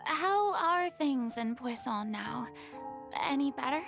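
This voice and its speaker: A woman voicing a humbled young former goddess, speaking softly and earnestly, sometimes near a whisper, in a video game. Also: high-pitched, lively intonation, takes it slowly, vocal fry, over music, exaggerated voice. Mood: subdued.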